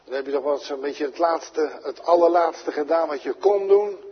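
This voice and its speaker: A man's voice: a little high, normal speed, slightly rough. A Dutch-accented man preaching a sermon, earnest, his voice swelling when he quotes prayers. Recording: dull lo-fi recording in a reverberant church.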